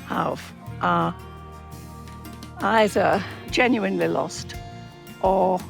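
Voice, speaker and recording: A woman in her seventies with a Cumbrian accent, talking casually to camera with halting pauses. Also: fairly low pitch, gravelly. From Cumbria, England. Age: 70s. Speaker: animal rescue charity founder. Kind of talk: casual documentary interview. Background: music.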